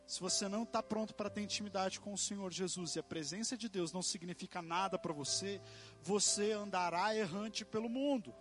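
A man's voice: high-pitched, a little fast, a bit bright, faint music behind. A man preaching a sermon, emphatic and rhythmic, repeating phrases and calling out amen to the congregation.

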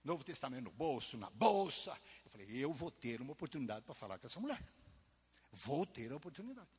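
A man preaching a testimony sermon, telling a story in an animated way, swinging from soft asides to loud emphasis, with a husky voice. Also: mid-range voice, brisk. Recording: long hall reverb.

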